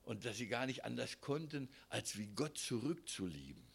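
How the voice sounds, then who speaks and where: Male preacher, gravelly, very animated pitch, talks straight to the congregation. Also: moderate pace. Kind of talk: sermon.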